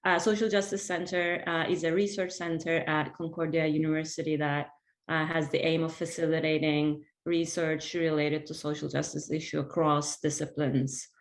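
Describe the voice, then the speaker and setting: A woman with a lowish voice gives an informal introduction as co-host of an online event. She is hesitant and rephrases as she goes, and the room echoes clearly around her on the call. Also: flat delivery, moderate pace. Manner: hesitant, self-interrupting, rephrasing often. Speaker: research center representative, event co-host. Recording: roomy, echoing video call audio.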